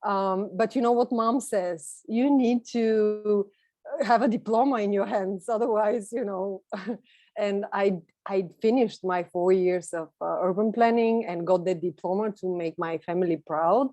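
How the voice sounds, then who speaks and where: A Bulgarian woman in her 30s, whose first language is Bulgarian, gives a chatty, enthusiastic personal talk as a guest on an online video call, laughing lightly now and then. Her medium-pitched voice is dark and unhurried, and the recording is dry.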